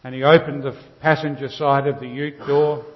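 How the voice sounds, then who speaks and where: An Australian man preaching a sermon in a large church, his mid-pitched voice trailing into a long cathedral echo. He tells his points like stories and turns to the congregation with questions. The recording is dull and muffled. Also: fairly even intonation, normal speed, a little hiss or hum. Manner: conversational storytelling, asks the congregation questions. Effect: cathedral-like echo, long church reverb. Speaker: pastor.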